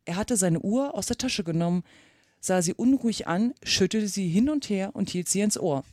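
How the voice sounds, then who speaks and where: A woman reading a classic storybook aloud for a podcast in a calm, measured way. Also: medium pitch, dry recording, clean studio sound. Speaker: podcast reader.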